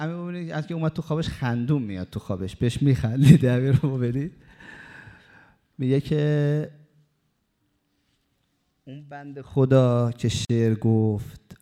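A man preaching, telling a story in a conversational, lively sermon style. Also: mid-range voice.

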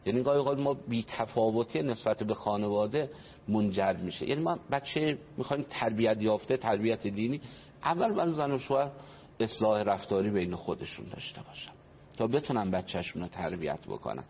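A man's voice: fairly low pitch, animated. A man giving an earnest religious talk on family life as a radio guest, explaining and quoting traditions. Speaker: family counselor. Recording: dull radio broadcast, faint noise.

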